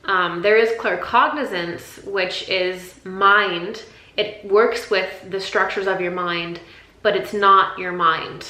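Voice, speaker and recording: Bright-voiced woman in an echoey room. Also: medium pitch, fairly even intonation, slow pace. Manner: rambling, conversational, repeats words and restarts. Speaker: intuition teacher. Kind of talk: casual spiritual teaching talk.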